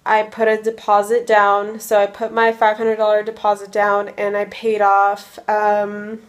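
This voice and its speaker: In an unhurried monotone, a mid-range-voiced American woman in her early twenties vlogs casually. She is drowsy from medication and rambles, leaning heavily on likes and ums.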